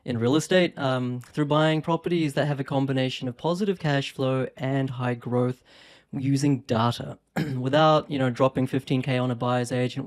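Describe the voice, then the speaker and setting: Brief: thirties male vlogger, New Zealand-Australian accent, clear resonant voice, chatty and upbeat, talking to a phone camera. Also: mid-range voice, a little mellow. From born in India, raised in New Zealand and Australia. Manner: chatty, upbeat, with small laughs and frequent ums. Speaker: property investment YouTuber. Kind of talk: casual talk to camera.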